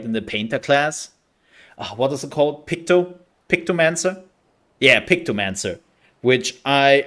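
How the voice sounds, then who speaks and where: A man's voice: mid-range voice, a bit bright. A man giving casual live gaming commentary, rambling and thinking aloud as he plays. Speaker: livestreamer.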